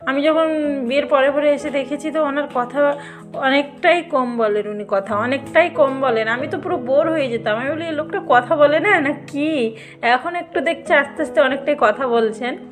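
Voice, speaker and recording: Young woman vlogger, chatty and fast-flowing, a touch high, cooking at home with music behind her. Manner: talkative, says she talks a lot and loudly. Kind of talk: casual chatty cooking vlog. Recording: background music under the voice.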